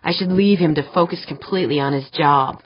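A woman's voice: low voice, a little fast, slightly rough, dry recording. A woman voicing an anxious woman talking to herself about her partner. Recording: dull dry lo-fi recording.

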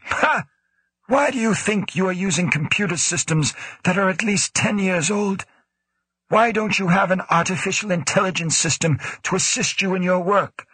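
A rasping, secretive station director who lectures in sharp, emphatic bursts, pitched well above his performer's own voice, as a man puts him on for a spoken story. The sound is dry and close, with a husky edge. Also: moderate pace, no room sound, full character voice. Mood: insistent. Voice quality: rasping, labored.

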